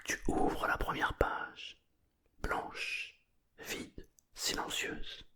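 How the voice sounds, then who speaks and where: Breathy murmur, fully whispered, slow soothing bedtime narration, crisp bright hiss, ASMR style. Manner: slow, soothing, hushed pacing with pauses. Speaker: bedtime storyteller.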